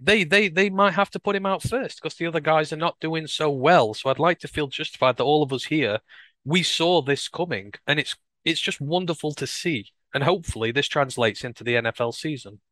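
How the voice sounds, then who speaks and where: A man's voice: a little high, brisk, a bit bright, dry recording. A man talking casually and enthusiastically on a sports podcast, stressing his points. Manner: enthusiastic, emphatic, repeats words. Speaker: co-host.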